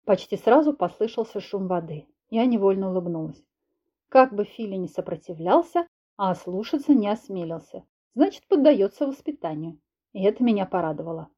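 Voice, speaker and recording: Woman audiobook narrator, expressive, first-person storytelling, mid-pitched, dull lo-fi sound. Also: fairly quick, slightly rough. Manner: lively, expressive reading with raised shouted quotes.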